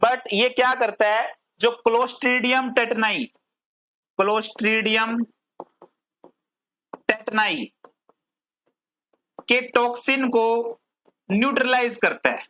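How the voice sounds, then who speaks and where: Teaching pharmacy slowly in a Hindi-English mix, a woman with a slightly high, bright-leaning voice asks the class questions and then answers them. Long technical words get drawn out one by one.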